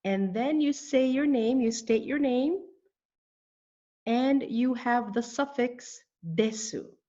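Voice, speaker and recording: A woman teaching a language lesson, speaking slowly and deliberately and spelling out words syllable by syllable. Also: high-pitched, dark tone, highs cut off. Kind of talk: scripted lesson narration.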